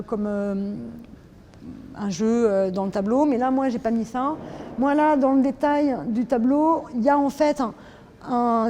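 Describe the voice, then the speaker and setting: A woman's voice: fairly high pitch, dark tone. A French woman artist giving a casual guided tour of her own drawing, hesitant, with many restarts and fillers. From France. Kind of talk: casual spoken explanation.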